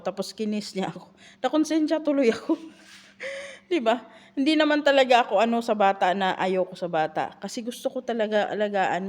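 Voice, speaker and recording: A woman, a live-in nanny, chatting in a casual vlog with rhetorical asides and animated storytelling. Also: medium pitch.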